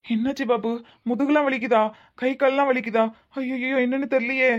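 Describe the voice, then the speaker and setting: A woman's voice: high-pitched, steady tone, natural voice. A woman voicing an anxious young husband who fires off worried questions, in a Tirunelveli Tamil accent. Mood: worried, fussing. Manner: fretful, rapid worried questions. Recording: slightly muffled lo-fi audio.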